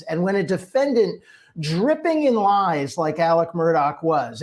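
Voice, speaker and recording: A man's voice: sits high, a little mellow. Emphatic male legal commentator. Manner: emphatic, rhetorical, builds points by repetition. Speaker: litigator, legal panelist.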